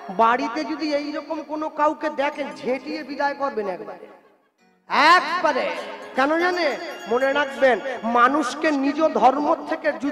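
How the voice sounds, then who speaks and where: A man preaching a devotional sermon, scolding with emphasis and chanting verse lines for a chorus to repeat. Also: very high-pitched. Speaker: kirtan performer. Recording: long hall reverb with music behind.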